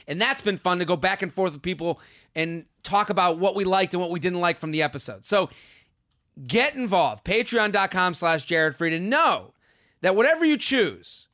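A man's voice: sits high, bright, forceful tone. A man hosting a comedy podcast with an exuberant, repetitive, self-hyping manner, talking casually to his listeners. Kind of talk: high-energy podcast intro, casual plug to listeners.

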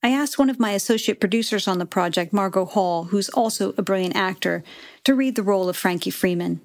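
A woman hosting and narrating a documentary podcast in a measured, clear storytelling manner. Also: medium pitch, darkish tone. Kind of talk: scripted narration.

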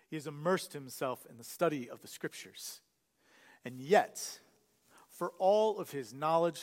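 Preaching man in a reverberant hall. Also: a little high. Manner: earnest preaching that swells louder and drops to a hush. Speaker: pastor. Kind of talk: sermon. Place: church sanctuary.

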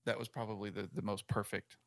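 Man in his forties, gravelly voice, rambling casual sports talk, dry close sound. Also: on the low side, level tone, quick pace, no room sound. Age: 40s. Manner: rambling, self-correcting, watching and reacting live. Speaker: podcast co-host.

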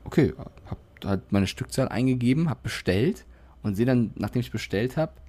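A man's voice: mid-range voice, lively intonation, normal speed, dark tone. A man co-hosting a podcast, chatting casually and telling self-mocking anecdotes with frequent laughter. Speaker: podcast co-host. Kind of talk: casual chat.

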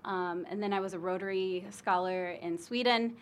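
A woman's voice: mid-range voice, steady tone, normal speed. A woman from Illinois who works as an international admissions recruiter. She talks in a casual interview, with plenty of ums and you knows. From Illinois, United States. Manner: chatty, many fillers like um and you know.

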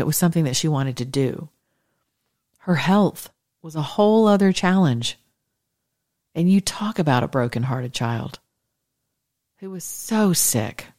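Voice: mid-range voice, darkish tone, no room sound, clean studio sound. A speaker giving an informal devotional talk, earnest and encouraging, speaking conversationally and directly to listeners. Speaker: host of an evening faith devotional.

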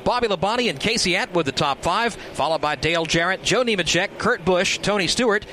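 A man's voice: sits high, expressive, fairly quick, sharp tone. A man working as a motorsport commentator, calling a race live on radio in an urgent, detailed running commentary. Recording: noisy outdoor racetrack broadcast. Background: race cars and outdoor track ambience.

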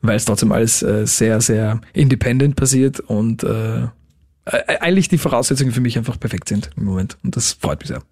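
Male singer, late twenties, relaxed and animated interviewee. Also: mid-range voice, fairly quick. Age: late 20s. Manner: lively, mixes English words into speech. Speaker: pop musician guest. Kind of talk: casual interview.

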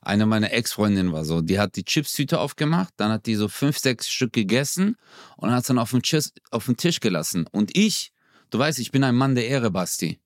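A man's voice: mid-range voice, brisk, dry recording. Young guy, slangy jokey podcast chat, dry close mic. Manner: joking, slangy, animated storytelling. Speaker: podcast co-host. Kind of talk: casual comedy chat.

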